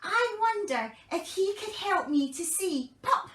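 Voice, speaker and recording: An excited blind beggar man yells over and over, his voice pushed high and loud, as a woman puts him on. The lilt is clear, and the shouts ring in an echoey room with the mic some way off. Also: slow pace, distant mic, a little hiss or hum, heavily acted. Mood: wondering, excited.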